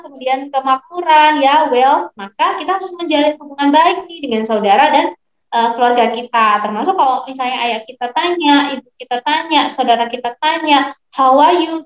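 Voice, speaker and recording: A woman teaching English online, explaining slowly and patiently to her students. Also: sits high. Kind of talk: online class lesson, mixing English and Indonesian. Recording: echoey, slightly muffled online lesson audio.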